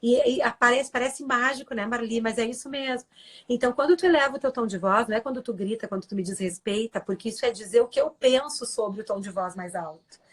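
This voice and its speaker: Woman, slightly high pitch, earnest, explanatory, live-stream talk, tag questions. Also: quick pace. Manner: earnest and explanatory, acts out quoted lines, frequent tag questions. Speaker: guest speaker on a live stream.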